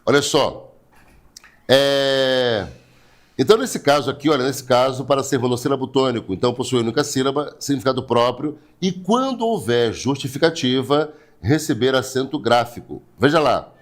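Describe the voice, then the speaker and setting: A man's voice: mid-range voice, animated, normal speed. Brazilian man teaching a live class. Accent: Brazilian Portuguese. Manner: repetitive, explains step by step, asks rhetorical questions; greets viewers by name, blesses them. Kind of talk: online class lecture.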